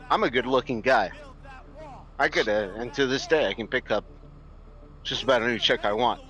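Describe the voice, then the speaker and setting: A man in his thirties, a livestreamer, rants emphatically to his viewers, preaching and cursing as he goes. His medium-pitched voice sounds pushed and bright through poor audio.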